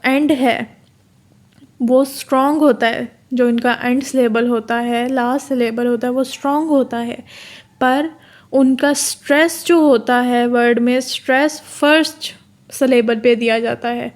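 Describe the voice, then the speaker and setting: Pakistani woman tutor, flat and high. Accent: Pakistani Urdu. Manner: casual, explains step by step, reads English terms slowly. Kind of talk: exam-prep lecture.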